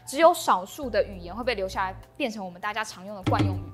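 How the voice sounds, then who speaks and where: A young woman with a Taiwanese accent hosts an explainer channel, delivering a scripted piece to camera in a small indoor room. Her medium-pitched voice is expressive and quick, picked up by a clip-on lapel mic, with background music underneath.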